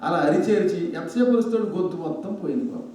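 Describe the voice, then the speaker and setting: A man giving a religious discourse in a hall, telling a story with lively voiced dialogue. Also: high voice, racing, a little hiss or hum. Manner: animated storyteller acting out characters' lines. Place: large hall with a microphone. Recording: echoey hall audio from a distance.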